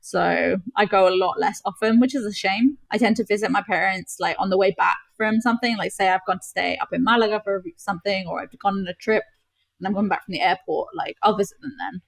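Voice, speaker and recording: A woman's voice: medium pitch, brisk, creaky, no room sound. Chatty woman from Gibraltar, dry sound. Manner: chatty, explanatory, frequent "like" fillers. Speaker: podcast guest, travel creator. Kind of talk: casual chat.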